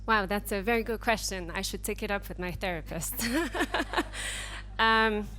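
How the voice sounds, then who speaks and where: A woman's voice: mid-range voice, steady tone, moderate pace, pushed and bright, slight background noise. A woman panelist speaking wryly and candidly on a conference stage into a handheld mic. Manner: wry, candid. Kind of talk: panel discussion.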